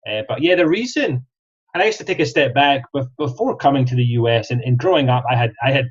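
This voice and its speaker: A young man with a Scottish accent, talking as a podcast guest in a friendly, thoughtful way, often pausing to find his words. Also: medium pitch, expressive, breathy edge. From Scotland. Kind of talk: casual interview talk. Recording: slightly dull lo-fi audio.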